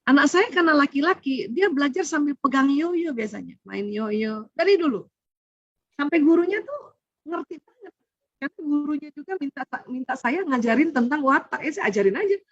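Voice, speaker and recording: A middle-aged woman giving a parenting seminar, chatty and animated, laughing often. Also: high voice, moderate pace, no echo. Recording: dull lo-fi sound.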